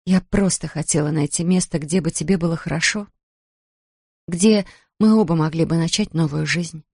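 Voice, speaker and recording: A woman's voice: low voice, moderate pace, a little mellow, no echo. A reader doing a tired mother who works as a doctor, anxious and pleading. She sounds worn down and keeps her voice close to plain narration. The sound is dry. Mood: pleading weary.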